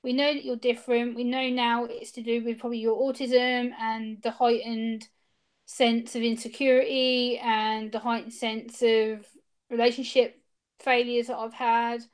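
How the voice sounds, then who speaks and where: Earnest higher-voiced woman, interview guest. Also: flat delivery, unhurried, smooth. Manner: open and earnest, with hesitant restarts. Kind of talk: candid personal interview.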